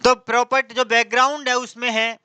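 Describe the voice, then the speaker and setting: Male tutor, exam-prep grammar lesson, clear and smooth voice, dry close mic, repeats every point. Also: very high-pitched, little pitch movement, brisk, bright, forceful tone, no echo. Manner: asks questions and answers them himself, with repetition. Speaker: teacher.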